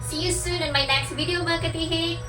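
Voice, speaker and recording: A nurse and vlogger with a Filipino accent narrates a chatty, upbeat vlog full of practical tips, switching languages mid-sentence. Her voice is very high-pitched and steady, a little fast, with background music playing.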